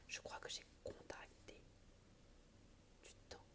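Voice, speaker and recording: Female ASMR reader, soft library whisper throughout, literary read-aloud with the odd halting stumble. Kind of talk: whispered ASMR book reading.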